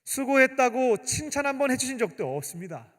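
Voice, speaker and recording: Preacher playing a resentful elder son. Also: male voice, extremely high pitch, very animated, a little fast, fairly bright tone, voice pushed up, heavily acted. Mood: aggrieved. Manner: aggrieved, complaining. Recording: long church-hall reverb.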